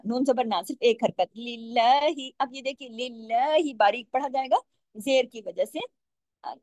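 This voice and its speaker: A woman with a high voice explains the rules of Quran recitation, asking her listeners questions and then answering them herself. She stretches each recited example out slowly. Her voice is recorded close and dry, with almost no room sound. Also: a little mellow, no echo. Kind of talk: step-by-step tajweed lesson.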